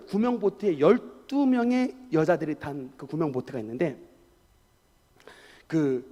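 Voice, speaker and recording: High, lively male pastor preaching. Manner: animated, emphatic storytelling with personal anecdotes. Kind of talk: sermon. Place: church sanctuary. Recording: echoey church hall.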